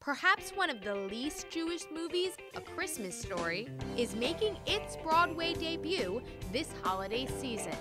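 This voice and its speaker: High-voiced woman reporter over music. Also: sing-song, unhurried. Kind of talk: news report narration.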